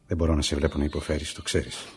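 Deep-voiced tender husband. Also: male voice, flat delivery. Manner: soft, tender, consoling. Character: gentle, injured husband comforting his wife. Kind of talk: radio drama acting.

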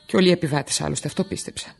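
Radio drama: a worn-out, scared wife far from home, raspy and gravelly, confessing her fears. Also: deep voice, full character voice. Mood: distressed. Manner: emotional, confessional monologue. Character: frightened, exhausted wife, an immigrant feeling alone. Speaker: wife of an injured worker.

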